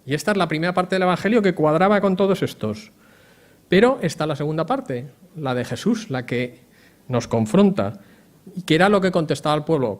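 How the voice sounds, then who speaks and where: A man preaches in an easy, conversational way, voice sitting a little above the usual male range. He keeps turning to the congregation with questions. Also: fairly high pitch. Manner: chatty, asks the congregation questions. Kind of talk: conversational sermon.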